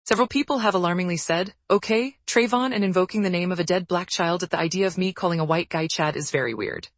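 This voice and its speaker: A woman narrating forum posts aloud in a brisk, even storytelling read. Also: lowish voice, no echo.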